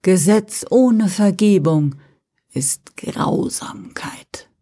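A woman voicing Lucifer, a calm, seductive male fallen angel, speaking slowly and gently in a whispered role-play. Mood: soft persuasive. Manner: slow, low, gentle, persuasive.

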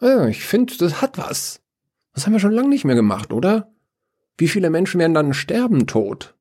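A man voicing Evil as a gleeful, excitable male figure. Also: mid-range voice, moderate pace, husky, voice pushed up. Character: Evil, gleeful male, bored on his phone.

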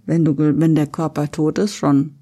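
A woman's voice: low-pitched, flat delivery, moderate pace, warm tone. A woman in casual chat, making her point in a matter-of-fact, argumentative way. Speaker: podcast co-host.

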